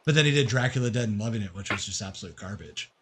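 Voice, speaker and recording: A man's voice: lowish voice, lively intonation, very fast, background noise. A man hosting a live art stream, greeting viewers from the chat and joking casually. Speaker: stream host reading the chat.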